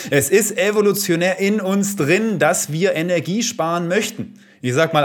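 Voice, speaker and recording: Punchy energetic man coaching on health. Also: a little high. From Italy. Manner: energetic, punchy short statements, asks rhetorical questions. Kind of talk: podcast conversation.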